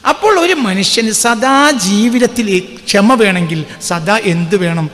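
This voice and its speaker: Preacher, male, high and gravelly, reverberant hall sound. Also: lively intonation, a bit bright. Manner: rhetorical questions to the audience, chants Arabic verses slowly. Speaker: Islamic preacher. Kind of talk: sermon class.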